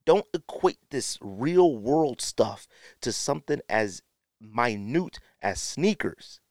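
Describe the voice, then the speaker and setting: A podcast host delivers opinionated commentary, sniffling from a runny nose and repeating phrases for emphasis. His mid-range voice has lively intonation, a slow pace and a darkish tone. The close podcast mic gives a dry, studio-quality sound.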